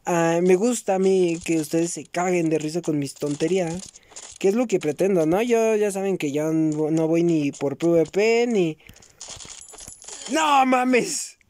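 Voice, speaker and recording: A young man with a Mexican accent, chatting casually with his viewers while he plays, slangy and swearing, with sudden loud outbursts at the game. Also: fairly high pitch, normal speed. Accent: Mexican Spanish. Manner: slangy and swearing, keeps saying bros. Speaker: gaming YouTuber. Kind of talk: casual gameplay commentary vlog.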